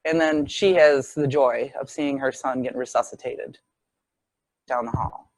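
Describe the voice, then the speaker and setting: A man's voice: medium pitch, steady tone, measured pace, no room sound. A man lecturing as a visiting professor, telling a medical case as a story and acting out what people said. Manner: storytelling, acts out quoted speech.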